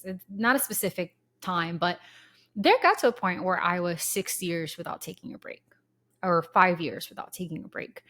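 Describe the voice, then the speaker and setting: Her voice fairly low yet a touch bright, a podcast host in her thirties talks on her own show in a casual, candid way full of tangents. She sounds congested from a lingering cold.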